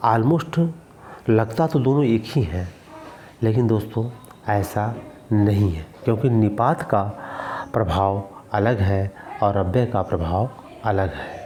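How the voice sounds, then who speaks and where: A man's voice: fairly low pitch, slow, a little mellow, a little hiss or hum. A male teacher giving a grammar lesson, asking his own questions and answering them, repeating key words for emphasis.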